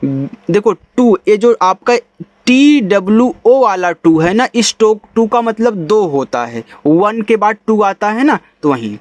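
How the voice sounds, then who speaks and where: A man's voice: sits high, expressive, slow pace, no room sound. A man with an Indian accent teaching English reading, spelling each word letter by letter and then sounding it out. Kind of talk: reading lesson in Hindi.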